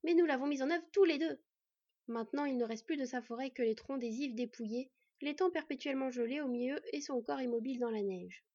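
Lady reading as an excited teen boy, high and loud, kinda muffled dry sound. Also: no echo. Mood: cheerful. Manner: excited, loud and quick to blurt. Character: eager affectionate teenage boy, half-human. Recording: dull, slightly muffled recording.

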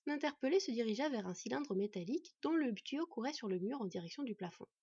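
A woman narrating a fantasy audiobook in an even, measured reading. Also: fairly high pitch, breathy edge, dry recording, dull audio.

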